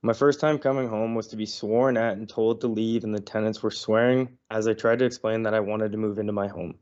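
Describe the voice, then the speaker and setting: A man who is feeling unwell, reading a prepared statement to a council committee in an earnest, slightly halting way over a remote call. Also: on the low side, fairly even intonation, a little mellow. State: unwell, under the weather. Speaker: property owner presenting to council. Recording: dull lo-fi online audio.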